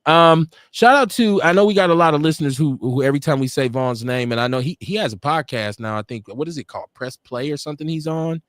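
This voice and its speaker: Talking fast with few pauses, a man with a fairly high pitch co-hosts a casual live podcast from his home studio, rambling through stories, laughing, and correcting himself often. The sound is studio quality with no room sound.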